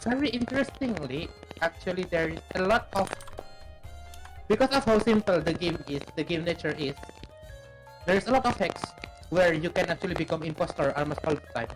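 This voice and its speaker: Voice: medium pitch, fairly quick, soft background music. A co-host in casual chat about game awards, talking hesitantly and restarting sentences, with a loose mic cable crackling over the voice.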